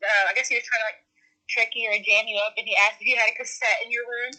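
A woman's voice: on the high side, steady tone, fast, pushed and bright, low-quality recording. A woman in her thirties in a casual chat among friends, playful and teasing. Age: 30s.

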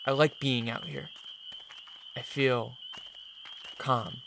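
An actor playing a wary, sheltered vampire count in a radio drama, guarded and earnest. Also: male voice, mid-range voice, fairly even intonation, slow, gravelly, background noise. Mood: wary, subdued.

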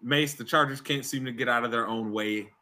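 A young man hosting a casual football picks show, animated and slangy, laughing often. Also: medium pitch, brisk. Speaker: podcast host. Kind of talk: casual sports picks chat.

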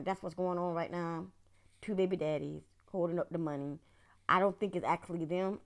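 Woman going off on a rant, gravelly low voice, cussing and blunt. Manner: blunt, profane, venting with bursts of laughter. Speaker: podcast host ranting. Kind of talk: casual ranting monologue.

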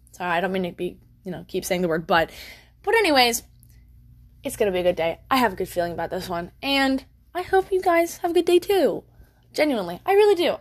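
A young woman chatting casually to her viewers from home, rambling, giggling and correcting herself as she goes. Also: medium pitch. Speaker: vlogger. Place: at home by a window.

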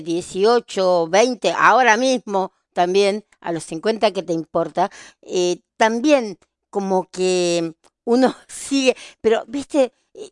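A woman's voice: mid-range voice, clean tone, no room sound, studio quality. A woman in her fifties with an Argentine accent, chatting casually and telling nostalgic stories as a podcast host. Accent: Argentine (Rioplatense). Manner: chatty, nostalgic storytelling with laughs. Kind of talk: casual chat.

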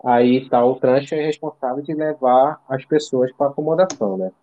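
Living abroad in Ireland, a Brazilian man speaks as an interview guest at normal speed, his mid-range voice mellow and relaxed. He tells his story casually, full of slang, fillers and false starts. The recording's highs are cut off.

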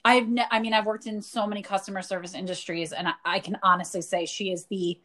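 A woman's voice: mid-range voice, fast talker. A woman co-hosting a podcast, telling stories emphatically with a lot of animation. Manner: emphatic, animated storytelling with restarts. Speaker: podcast co-host. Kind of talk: casual chat.

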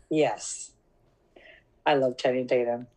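Animated woman telling a funny story. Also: extremely low pitch, poor audio. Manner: animated storyteller, laughs often, acts out dialogue. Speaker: podcast co-host. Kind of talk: casual podcast chat.

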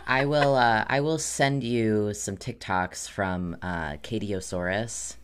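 Man, very low voice, podcast host, casual explaining, lots of fillers. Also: takes it slowly, fairly bright tone, smooth. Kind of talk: casual conversational chat.

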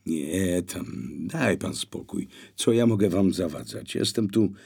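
A man voicing a calm blind young man who answers intruders placidly with a little irony. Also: deep voice, a little slow, gravelly, breathy edge, heavily acted. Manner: placid, mildly ironic.

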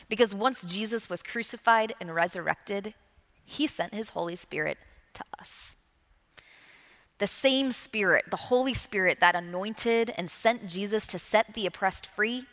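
A woman's voice: mid-range voice, a bit bright. A woman preaching a sermon, earnest, repeating key phrases for emphasis. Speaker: pastor. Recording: long reverb of a large hall.

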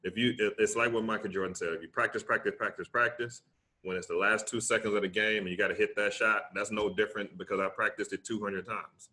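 A middle-aged man with a Southern US accent, talking casually and emphatically as a motivational interview guest, often checking his points with a quick tag question. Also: lowish voice, fairly even intonation, pushed and bright. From Alabama, United States. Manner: emphatic, conversational, often tags points with "right?". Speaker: interview guest, public speaker.

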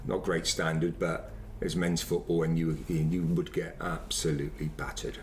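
A low-pitched man reminisces casually in an interview. He rambles and halts, circling back over his phrases. There is faint noise behind him. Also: flat delivery. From Wiltshire, England. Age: 50s. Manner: rambling, halting, repeats phrases. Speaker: former semi-professional footballer being interviewed.

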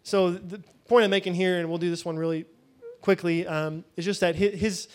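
A man's voice: high voice, steady tone, moderate pace. A man teaching a Bible session in a loose, conversational way, thinking aloud as he goes.

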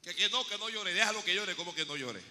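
Man, pastor, sermon, shouting peaks, quiet asides, long hall reverb, faint music. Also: high-pitched, animated, fast.

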